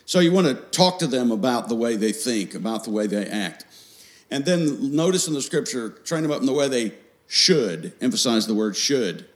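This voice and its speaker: A man's voice: mid-range voice, animated, moderate pace. Middle-aged male seminar speaker, folksy and scripture-quoting, teaching parents and checking in with the room.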